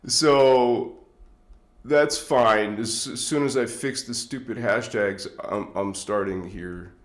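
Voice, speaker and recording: A man hosting a casual livestream speaks slowly in a mid-range voice, the room adding a roomy quality. Talking into a phone on a tripod, he's stuffy-nosed, chatty, and rambling, with frequent chuckles.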